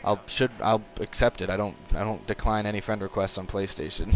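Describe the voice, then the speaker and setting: Playing a racing game live, the nineteen-year-old gaming streamer chats and rambles, reacting as the race unfolds. His voice is on the low side with a steady tone, and the low-quality recording carries a little hiss or hum. He's chatty, easily frustrated, and chuckles often.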